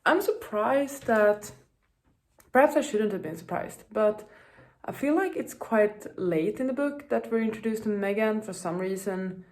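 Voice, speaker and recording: A woman's voice: mid-range voice, expressive, unhurried. Woman chatting casually in a rambling vlog. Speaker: reading vlogger.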